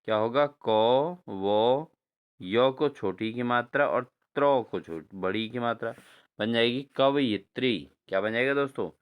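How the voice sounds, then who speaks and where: A man teaching a spelling lesson for exams, repeating each answer back to his viewers and spelling words out slowly syllable by syllable. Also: medium pitch, clean tone. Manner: repeats answers as questions to viewers, addresses them as friends. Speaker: exam-prep teacher. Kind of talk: spelling lesson for exam prep.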